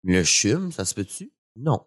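A man's voice: fairly low pitch, big pitch swings, a little slow, slightly rough. A young adult man with a Quebec French accent, rambling in casual podcast chat with a self-mocking, anxious edge. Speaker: comedian guest.

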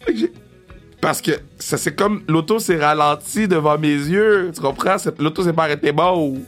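A man in his thirties with a Québécois French accent, telling a casual, excitable story and swearing, with English words mixed in. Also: a little high, normal speed, faint music behind. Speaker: vlogger.

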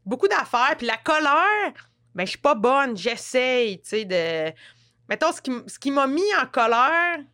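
A woman's voice: sits high, unhurried, smooth. A woman with a Quebec French accent, chatting casually and laughing often as she tells stories. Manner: laughing often, animated storytelling. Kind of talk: casual chat.

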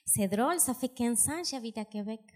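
A woman from South America with a strong South American Spanish accent, doing a deadpan, self-mocking stand-up set. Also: a little high, a little fast. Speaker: stand-up comedian.

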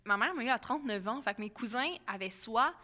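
Bright young Québécoise chatting. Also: female voice, fairly high pitch, fast. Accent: Québécois French. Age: 20s. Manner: chatty storyteller, full of fillers like "tu sais" and "là". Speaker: podcast co-host. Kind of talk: casual chat.

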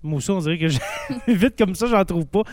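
Higher-voiced Québécois man, casual interviewer. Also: animated, a little fast, a crowd in the background. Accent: Québécois French. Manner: encouraging, echoes answers back.

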